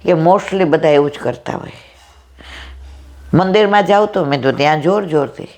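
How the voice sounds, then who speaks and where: A middle-aged woman with a loud, powerful voice, giving a devotional storytelling discourse and acting out the dialogue in her stories. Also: low-pitched, normal speed. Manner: retells stories with quoted dialogue. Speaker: satsang speaker.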